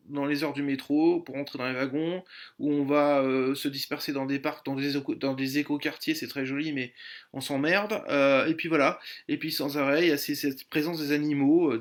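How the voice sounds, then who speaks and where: A man giving spoken commentary on a painting, musing aloud with many restarts, repeated words and fillers as he points out details. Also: on the high side. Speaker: art commentator.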